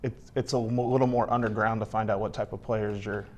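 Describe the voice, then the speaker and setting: A man speaking as an assistant coach at a press conference, in a rambling, monotone way. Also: on the low side, fairly quick, highs cut off, a little hiss or hum.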